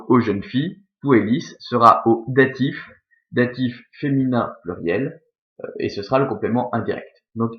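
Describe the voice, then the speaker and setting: Male Latin teacher, mid-pitched voice, patient step-by-step explaining, frequent fillers and self-corrections, slightly dull recording. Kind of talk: recorded classroom lesson.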